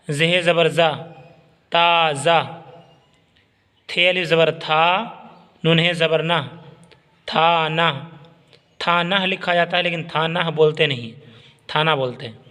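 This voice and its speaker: A man's voice: fairly high pitch, a bit bright, long reverb tail. A man teaching a beginner's Urdu reading lesson, spelling out each word syllable by syllable and adding short explanations. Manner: slow, syllable-by-syllable recitation with brief explanations.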